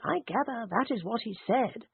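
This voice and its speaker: A gentle old vicar speaks in a mild and apologetic way, and his pitch moves around a lot, as a woman narrator reads him. The voice is a little breathy. The sound is dry and narrow, like a phone line. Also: lively intonation, moderate pace, dry recording, heavily acted. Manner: mild, soft-spoken, refined.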